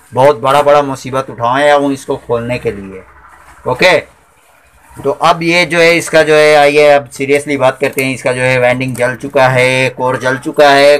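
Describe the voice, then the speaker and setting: A man's voice: medium pitch, fairly bright tone. A man in his thirties hosting a repair channel, casually talking through each step as he works in a small cluttered workshop, recorded on a handheld phone camera. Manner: chatty, explains step by step while working. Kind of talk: casual how-to repair narration.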